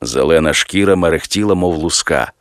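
Man, audiobook narration, very low voice, steady measured reading. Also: no room sound, studio quality.

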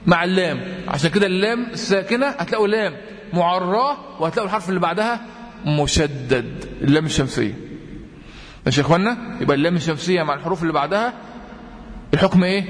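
A man with an Egyptian accent teaching tajweed, quizzing his students with repeated questions and chanting verse examples slowly. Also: sits high, animated. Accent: Egyptian Arabic. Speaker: Quran recitation teacher. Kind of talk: tajweed lesson. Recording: long reverb.

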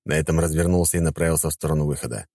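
A man narrating an audiobook in a calm, wry, laid-back manner. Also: extremely low pitch, racing, vocal fry, dry recording, clean studio sound.

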